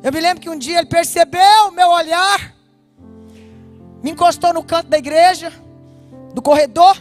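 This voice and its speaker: High-voiced Brazilian woman pastor testifying. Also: moderate pace, faint music behind. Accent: Brazilian Portuguese. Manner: animated storytelling, addresses listeners directly. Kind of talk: personal testimony told to a congregation.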